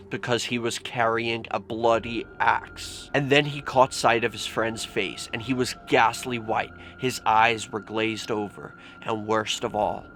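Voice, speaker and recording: A man's voice: fairly low pitch, a bit bright. Man telling spooky stories over background noise. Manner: informal, mild swearing, frequent "like". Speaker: vlogger telling scary stories. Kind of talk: casual spoken storytelling. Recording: clearly noisy with background ambience.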